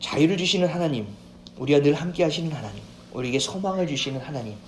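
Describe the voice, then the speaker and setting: A male pastor preaching a sermon in an animated way, putting questions to the congregation. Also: a little high, quick pace, a little hiss or hum. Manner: animated preaching, acts out quoted voices, asks congregation questions. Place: church sanctuary. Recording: echoey church hall with faint ambience.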